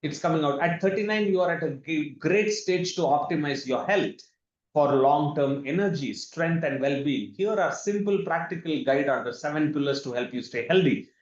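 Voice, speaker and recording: An Indian man in his thirties presents a webinar demo over a video call in a fairly high, expressive voice at normal speed. He is enthusiastic and repeats words a lot, and the sound is dull, lo-fi and echoey from the room.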